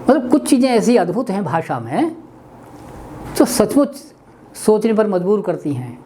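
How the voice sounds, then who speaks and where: An older man from India giving a weekly webinar lesson on language, speaking deliberately and spelling out words. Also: high-pitched, big pitch swings, mellow, a little hiss or hum. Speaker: Hindi language teacher. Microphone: webinar computer mic.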